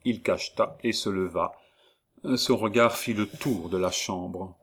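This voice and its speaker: Male audiobook narrator, lowish voice, measured and unhurried. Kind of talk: scripted narration of a classic novel.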